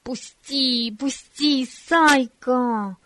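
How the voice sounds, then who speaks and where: A woman voicing a spoiled, proud noble boy from an old storybook, who barks orders and flares up quickly. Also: on the high side, expressive, background noise. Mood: angry. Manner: bossy, shouting commands.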